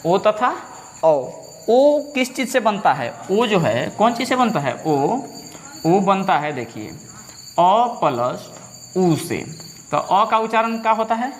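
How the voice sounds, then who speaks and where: Slow, sing-song male teacher. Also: high-pitched, sing-song, long reverb tail, a little hiss or hum. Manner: asks questions, then repeats the answers slowly. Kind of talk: Hindi grammar lesson.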